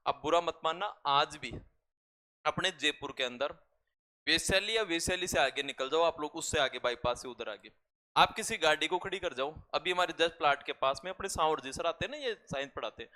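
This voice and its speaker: A man teaches a math class in a chatty way, full of jokes and asides to his students. His voice sits high and sounds bright and forceful. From Rajasthan, India. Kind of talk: classroom lecture.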